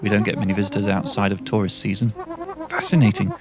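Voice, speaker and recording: A man voicing a prim, bookish woman villager in a game, high and enthusiastic. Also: expressive, quick pace, music in the background, lightly acted.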